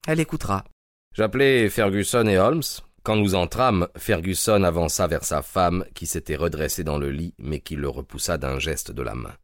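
A man narrating an audiobook in a calm, measured manner. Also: low-pitched, no room sound, clean studio sound.

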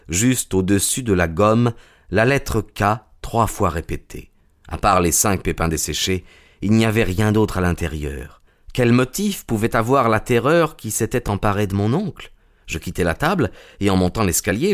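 A man narrating an audiobook story in the first person, with a measured, dramatic reading. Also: fairly low pitch.

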